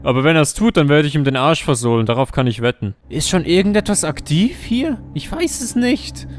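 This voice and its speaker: A man giving comedic let's-play commentary, joking and often squealing up in pitch. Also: sing-song, a little fast, slight background noise. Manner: jokey, exaggerated, often squeals and jumps up in pitch. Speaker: gaming YouTuber.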